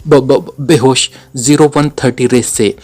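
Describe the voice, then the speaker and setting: A man's voice: medium pitch, a little slow, darkish tone, lightly acted. A man voicing a frightened, timid captive who stammers, in a storybook reading. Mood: nervous.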